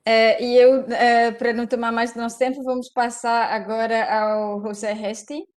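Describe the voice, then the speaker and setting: A woman's voice: a little high, little pitch movement, normal speed. A woman informally moderating a workshop over a video call.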